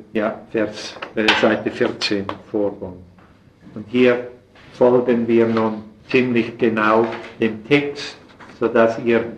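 Echoey preacher man, swinging loud and quiet. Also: dull audio, a little hiss or hum. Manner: swings from low and quiet to loud, high exclamations. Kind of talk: sermon. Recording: echoey room.

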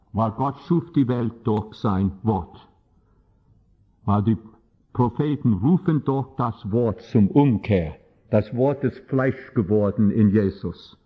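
Husky guy preaching hard, kinda broken phrasing, dull muffled recording. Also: mid-range voice. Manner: passionate, emphatic preaching; clumsy, ungrammatical phrasing. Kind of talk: sermon.

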